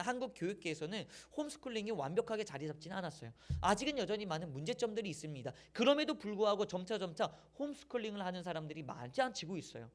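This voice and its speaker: A male pastor preaching a Sunday sermon, chatting with the congregation and asking rhetorical questions. His pitch moves in wide, animated swings.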